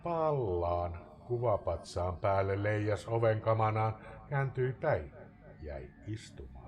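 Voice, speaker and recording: Male streamer reciting verse with theatrical swings from loud to whispered; low-set voice. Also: sing-song. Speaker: live streamer reading a poem. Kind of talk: dramatic poetry recitation.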